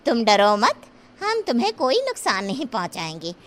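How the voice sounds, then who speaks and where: A woman voicing a kind village elder who speaks gently and reassuringly. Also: on the high side, huge pitch swings, normal speed, a little hiss or hum.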